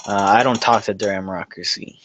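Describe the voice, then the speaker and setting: A young man hosting a livestream chats casually and answers chat questions, telling rambling, profane stories and laughing through them. His voice is on the low side with fairly even intonation and a brisk pace, and there's background noise.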